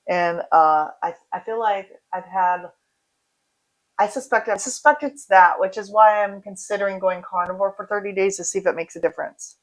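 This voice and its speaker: Forties woman rambling thru a casual livestream, reading viewer comments, chatty, middle pitch. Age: 40s. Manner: chatty and rambling, drifting between asides.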